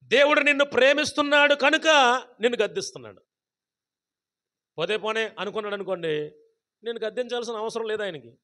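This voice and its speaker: High-voiced man preaching a sermon. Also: animated, brisk, pauses often, pushed and bright. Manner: asks the congregation questions and repeats scripture phrase by phrase. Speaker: pastor. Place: church prayer gathering.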